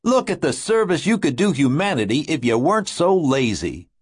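A man voicing a big, agitated, blustering man who talks in a husky, urgent voice. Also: fairly high pitch, big pitch swings, normal speed, voice pushed up. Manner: shouting, urgent, withering.

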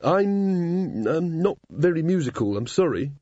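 A man playing a polite young woman in a storybook, earnest and hesitant, stumbling over her words. The pitch is raised and lively. The recording is dull and dry. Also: unhurried, no echo. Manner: hesitant, stammering.

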